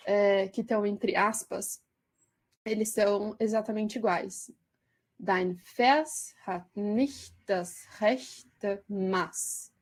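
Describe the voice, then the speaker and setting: A woman giving a poetry lesson, talking slowly with many fillers. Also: mid-range voice, darkish tone. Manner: slow, hesitant, with many fillers. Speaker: lecturer. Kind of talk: poetry lesson with slide commentary.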